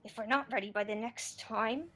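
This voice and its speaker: A woman's voice: fairly high pitch, steady tone, normal speed, pushed and bright, faint music behind. A woman voicing an elderly witch who urgently rallies the others with commands. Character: bossy elderly witch, anxious leader of three.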